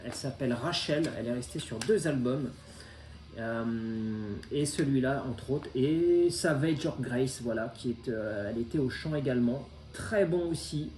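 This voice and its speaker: A man in his forties talks casually about the records he collects. His voice is mellow and mid-pitched, and he hesitates often while staying enthusiastic. The room around him has a noticeable echo. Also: measured pace. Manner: hesitant, many filler sounds, enthusiastic. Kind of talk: casual chat presenting vinyl records. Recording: roomy echo.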